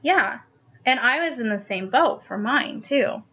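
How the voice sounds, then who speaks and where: A woman speaking calmly and matter-of-factly in casual conversation, as a podcast co-host. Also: on the high side, unhurried, husky. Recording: dull lo-fi sound.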